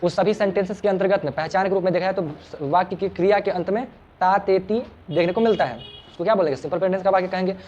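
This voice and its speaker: A man's voice: sits high, quick pace, a little mellow, highs cut off, a little hiss or hum. A man teaching English grammar informally in a small classroom, chatty and joking, often repeating his words. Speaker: English tutor.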